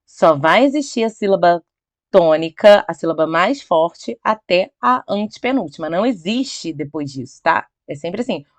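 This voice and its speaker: A middle-aged Brazilian woman teaching Portuguese grammar over slides, checking in often with her viewers and drawing out key words slowly for emphasis. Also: on the low side, expressive, no echo. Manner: chatty, checks in with "tá?" and "ok?".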